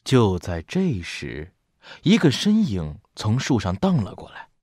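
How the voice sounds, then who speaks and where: Male storyteller, animated intonation, dry close recording, picture-book reading. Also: fairly low pitch, measured pace, breathy edge, no echo. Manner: expressive, storytelling. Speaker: storybook narrator, voice teacher.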